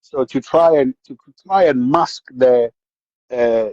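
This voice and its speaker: At medium pitch and a slow pace, a South African-accented man is heard with no room sound and the highs cut off. In a casual podcast interview about his upbringing, he tells stories animatedly, with many repeated words and restarts.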